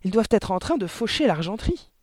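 A frightened mother in a storybook shrieks and presses for action, as a man puts her on. Her voice rises well above his own and comes out loud and strained. It is recorded dry and close. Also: huge pitch swings, brisk, no echo, heavily acted. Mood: panicked. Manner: shrill, panicked shrieking.

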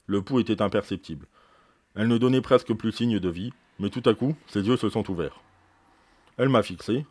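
Male reader doing a precise senior doctor, measured telling, lowish voice, dry sound. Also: darkish tone, no room sound, natural voice. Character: eminent older male doctor, proud, precise. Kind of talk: reading a novel aloud.

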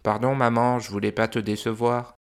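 A man's voice: medium pitch, flat delivery, moderate pace, lightly acted. A man voicing a small, shy boy dragon who sounds sulky and childlike, in a children's audio story. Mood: timid.

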